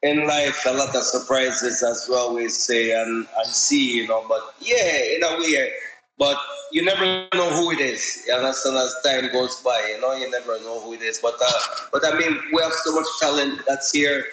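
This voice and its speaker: Halting male DJ in a roomy space. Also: medium pitch, a bit bright, slight background noise. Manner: halting, loose, repeats "you know". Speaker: DJ, sound system member. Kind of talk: casual interview talk.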